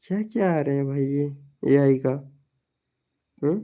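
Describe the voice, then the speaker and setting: A man chatting casually with viewers on a live stream, slowly reading out their names and IDs. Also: medium pitch, highs cut off.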